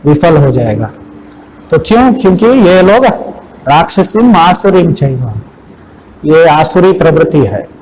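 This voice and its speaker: A man delivers a devotional scripture lecture in a fairly high voice. He chants verses slowly and keeps putting rhetorical questions to his listeners. A faint hiss of noise sits under the recording. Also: expressive, a little mellow, low-quality recording.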